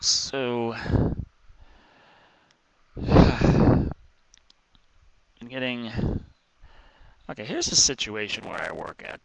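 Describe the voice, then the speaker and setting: An exhausted man rambling casually in an exasperated, complaining rant, with halting pauses. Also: medium pitch, very animated, gravelly, sharp tone, a little hiss or hum, poor audio. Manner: exhausted, weary, with heavy sighs and halting pauses. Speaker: vlogger.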